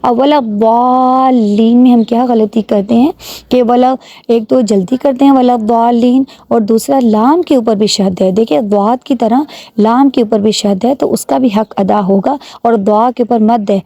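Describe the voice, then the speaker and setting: A woman teacher with a Pakistani Urdu accent speaks in a fairly high but soft, mellow voice. She recites slowly and carefully, then explains each word in calm, patient Urdu. The sound is close and dry, with no room around it. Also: no echo. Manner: patient, slow drawn-out recitation, points out common mistakes. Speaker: religious teacher.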